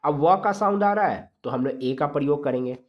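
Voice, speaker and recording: A teacher from India giving a grammar lesson, explaining rules step by step, sounding letters out slowly and checking in often with the class. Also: medium pitch, lively intonation, dull audio. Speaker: exam-prep English grammar teacher.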